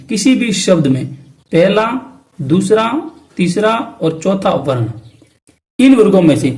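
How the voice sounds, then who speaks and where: A man with a Rajasthani Hindi accent teaches an exam-prep lesson in a fairly high voice. He poses each question aloud and answers it himself, slowing to repeat key terms. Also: darkish tone. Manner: asks questions then answers them himself.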